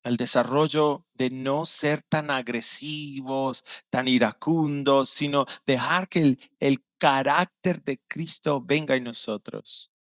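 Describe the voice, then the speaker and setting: Earnest Guatemalan pastor preaching. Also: male voice, steady tone, takes it slowly, few pauses, no room sound. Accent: Guatemalan Spanish. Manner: storytelling, acting out quoted voices with sudden loud outbursts; earnest, drops low and quiet on serious points. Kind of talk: sermon.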